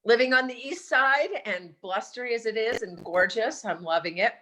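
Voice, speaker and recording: A woman giving thoughtful, halting remarks on a video call, often restarting her sentences. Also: fairly high pitch, pushed and bright, slight background noise. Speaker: meeting participant on a science policy team. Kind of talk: online meeting remarks.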